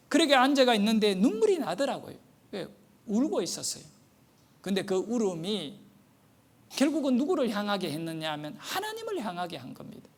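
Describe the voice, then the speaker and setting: Animated pastor preaching. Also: male voice, high voice. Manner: animated storytelling, acting out quoted voices. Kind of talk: sermon.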